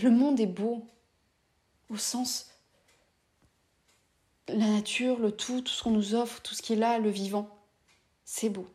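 A woman's voice: on the high side, warm tone. A woman from France giving an earnest, impassioned monologue straight to her viewers. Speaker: vlogger speaking about neurodiversity. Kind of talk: reflective monologue to camera.

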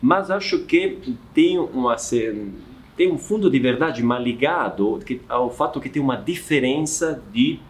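A man talks in an easy, unhurried chat, often pausing to restart his thoughts and checking in with a quick question. His voice sits at an ordinary middle pitch. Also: lively intonation. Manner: thoughtful, hesitant, frequent restarts and tag questions. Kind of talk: casual chat.

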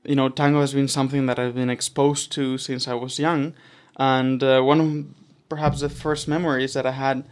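A man's voice: medium pitch, flat delivery, moderate pace, smooth. A young man from Argentina, talking as a guest in a casual interview, hesitant with many fillers and restarts. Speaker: doctoral student guest.

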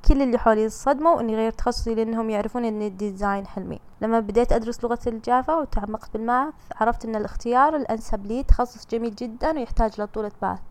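A young Saudi woman with a Gulf accent, hosting a casual solo podcast and chatting in a teasing, comforting way. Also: on the high side. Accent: Saudi Gulf Arabic. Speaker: podcast host reading listener messages.

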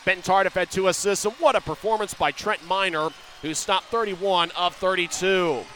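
Live at an ice hockey arena, an announcer with a high-sitting voice calls rapid play-by-play in clipped running phrases. These can swell into drawn-out shouted goal calls, with slight background noise throughout.

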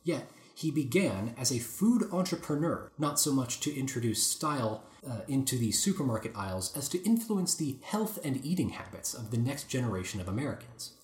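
A man hosting a podcast, reading an article aloud in a casual chat with lively asides. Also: mid-range voice, normal speed, few pauses. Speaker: podcast host. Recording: roomy echoey room.

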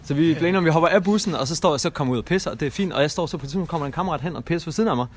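A man's voice: fairly high pitch, slight background noise. A young man casually telling a rambling anecdote as a guest, with lots of fillers and restarts. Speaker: guest storyteller.

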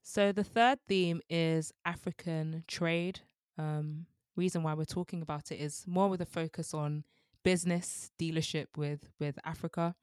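Low-voiced chatty young woman. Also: fairly even intonation, measured pace, a little mellow, clean tone, no room sound, clean studio sound. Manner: chatty, laughs often, many fillers. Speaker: book club podcast co-host. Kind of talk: casual book discussion.

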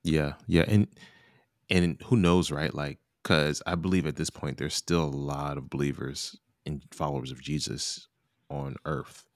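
Man, late 30s, very low voice, gravelly, slangy and relaxed, casual scripture talk. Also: a little slow, no echo, clean studio sound. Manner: laid-back, laughs often, slangy. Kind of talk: casual Bible study chat.

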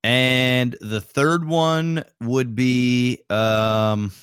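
A man in his thirties co-hosting a casual podcast, talking in a laid-back, drawn-out way with plenty of swearing. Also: medium pitch, steady tone, fairly bright tone, clear, resonant tone, dry recording, clean studio sound. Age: 30s. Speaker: podcast co-host. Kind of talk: casual chat.

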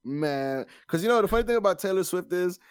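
A man's voice: high-pitched, lively intonation, brisk, clean tone, no room sound, studio quality. A man chatting casually as a podcast host, slangy and opinionated.

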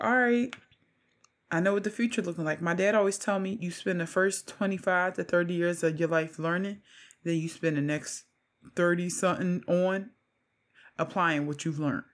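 Supportive woman with a lowish voice. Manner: supportive, reflective, conversational. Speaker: podcast co-host. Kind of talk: casual chat.

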